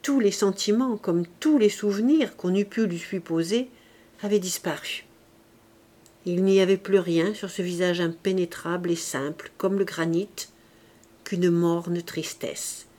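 A woman reading a classic novel aloud as audiobook narration, slow, even and unhurried. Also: lowish voice. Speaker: audiobook reader.

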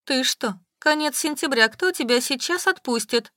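A woman's voice: sits high, animated, moderate pace, pushed and bright, no echo, studio quality, pitched above the performer's own voice. A woman reading aloud, voicing a vain, glamorous woman of thirty with a breezy, dismissive manner.

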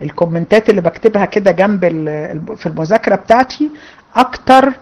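A woman's voice: mid-range voice, fast, a little mellow, dull audio. Egyptian woman teacher answering questions. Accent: Egyptian Arabic. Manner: reads out student questions, then answers conversationally. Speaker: religion teacher. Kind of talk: casual Q&A lesson.

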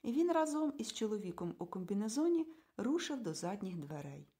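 A woman narrating a children's book in an expressive storytelling manner. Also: medium pitch, fairly quick, breathy edge. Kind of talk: audiobook narration.

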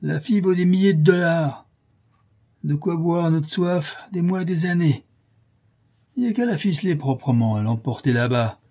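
A man voicing a coarse, grumbling outlaw with a hoarse, whisky-soaked voice. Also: fairly high pitch, lively intonation, moderate pace, warm tone, pitched above the performer's own voice. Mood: gruff.

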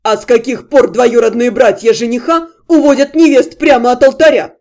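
A woman voicing a loud, indignant young nobleman in an audiobook, whining and protesting. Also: high-pitched, normal speed, lightly acted. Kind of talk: audiobook character reading.

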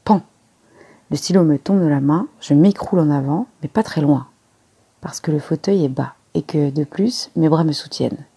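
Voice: medium pitch, normal speed, vocal fry, dark tone, slightly rough. A reader voicing a fussy, self-satisfied little male detective who coaxes and explains with precise, playful instructions. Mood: demonstrating. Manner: precise, coaxing, fond of little jokes.

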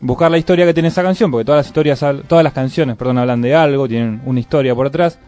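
With soft music behind him, a radio host speaking Argentine Spanish runs a community culture program, casually chatting and reading event listings in a relaxed, conversational manner. His mid-range voice moves at a rapid-fire pace.

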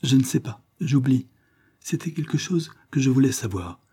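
A man reading aloud, voicing a feverish, dying little boy in a raised, soft, pleading voice. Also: mid-range voice, lively intonation, moderate pace, breathy edge, pitched above the performer's own voice.

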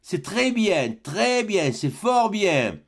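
A man's voice: high voice, big pitch swings, slow, voice pushed up, heavily acted. A man reading aloud, voicing a miserly old provincial man who is sly and mocking, with a sing-song teasing delivery.

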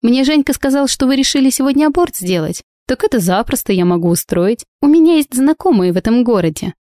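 Woman reader as a mocking, brazen young wife, mellow, dry. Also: fairly high pitch, lively intonation, fairly quick, dry recording, pitched above the performer's own voice, close to an everyday voice. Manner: mocking, ironic.

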